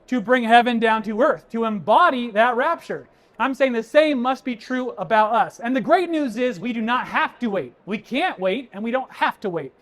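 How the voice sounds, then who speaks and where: A man's voice: very high-pitched, a bit bright. A man giving a keynote at a conference, emphatic and conversational, talking straight to the audience. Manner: punchy, conversational, addresses the audience as folks. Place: conference stage before an audience.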